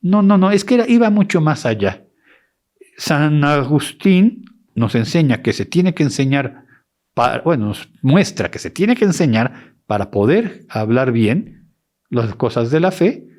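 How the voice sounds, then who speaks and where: Animated, higher-pitched male lecturer. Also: measured pace. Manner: animated, often stops to correct himself. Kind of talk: educational lecture.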